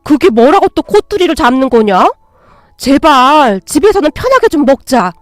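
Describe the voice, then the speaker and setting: A woman's voice: sits high, big pitch swings, normal speed, no echo, clean studio sound. A woman reading a radio story voices a petulant, quarrelsome young husband who snaps back in arguments. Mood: angry. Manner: bickering, snapping, then pleading.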